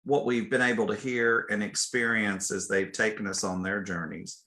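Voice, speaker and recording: A man hosting as a chaplain on a video call, his voice bright and forward. The audio is roomy and echoey, and he talks in an admiring, slightly halting way with frequent ums. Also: lowish voice, fairly even intonation. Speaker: host, chaplain. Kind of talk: interviewing a guest on a video call.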